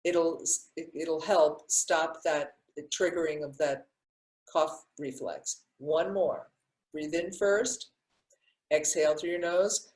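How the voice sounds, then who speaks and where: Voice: medium pitch, takes it slowly, a little mellow, reverberant, poor audio. A breathwork teacher explaining science casually with many restarts, then guiding a class through breathing exercises.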